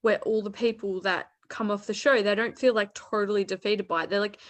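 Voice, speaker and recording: A young woman, co-hosting a casual chat about relaxing media, bubbly and quick to laugh. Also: mid-range voice, steady tone. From Australia. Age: young adult. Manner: bubbly, laughs often, says "like" a lot. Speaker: co-host.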